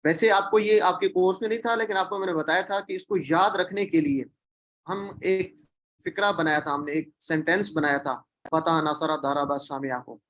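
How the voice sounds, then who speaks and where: A man's voice: on the high side, fairly even intonation, fairly bright tone. A man teaching an online Quran lesson, asking the class questions and repeating key words.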